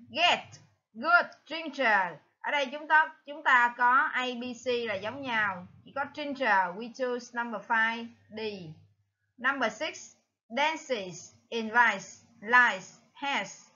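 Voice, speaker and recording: A woman with a Vietnamese accent teaches an exam review, reading each answer word out slowly and carefully. Her voice is bright and somewhat high. The recording sounds muffled and lo-fi. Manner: slow, deliberate, reads each answer word aloud. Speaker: English teacher.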